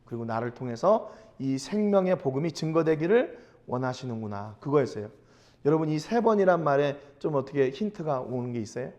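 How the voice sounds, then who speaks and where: Korean pastor preaching with rhetorical questions. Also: male voice, fairly high pitch, darkish tone. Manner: storytelling with frequent rhetorical questions; retells scripture in casual speech. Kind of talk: sermon.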